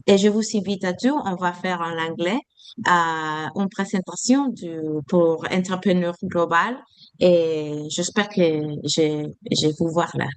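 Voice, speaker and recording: A woman with a foreign accent in French, a native Spanish speaker, speaking haltingly and searching for words in an informal announcement. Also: on the low side, fairly even intonation, clean tone. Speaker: meeting participant. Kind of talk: casual video-call announcement.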